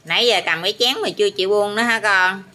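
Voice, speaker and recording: A woman's voice: medium pitch, fast, bright, forceful tone. A woman with a Southern Vietnamese accent talking to her pet parrot, teasing it and asking it questions over and over. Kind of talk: casual talk to a pet.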